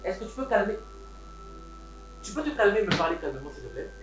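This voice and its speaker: A man's voice: a little high, animated, a little fast, lightly acted. An actor with a Congolese French accent playing a wealthy man who looks after his siblings, switching between French and Lingala. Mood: pleading, worried. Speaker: wealthy family head. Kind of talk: Congolese TV series acting. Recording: roomy room with background music.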